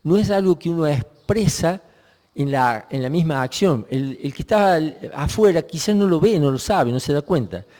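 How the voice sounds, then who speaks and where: A man preaching in a reflective way, his voice fairly high for a man but dark and mellow. He pauses and restarts his sentences as he works through a passage. A long reverb trails behind his voice. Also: expressive. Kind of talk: sermon.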